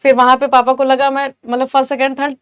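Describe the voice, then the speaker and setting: A young woman tells her story plainly and steadily in an interview. Her voice is high and smooth, and the recording is close and dry with no room sound. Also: fast talker, no echo. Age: young adult. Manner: steady, matter-of-fact storytelling. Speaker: guest, successful exam candidate. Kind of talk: interview answers.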